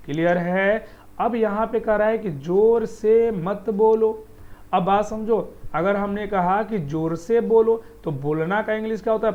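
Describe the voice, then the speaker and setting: A male teacher, patiently explaining translation and quizzing the viewer as he goes. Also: sits high. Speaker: English teacher. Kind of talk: explaining Hindi-to-English translation. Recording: dull lo-fi recording.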